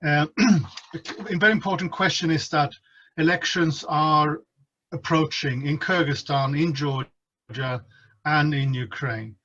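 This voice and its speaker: A man's voice: on the high side, slow pace, pushed and bright. A man moderating a panel question session over an online call with lo-fi sound. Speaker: webinar moderator. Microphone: video call. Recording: dull, lo-fi online call audio.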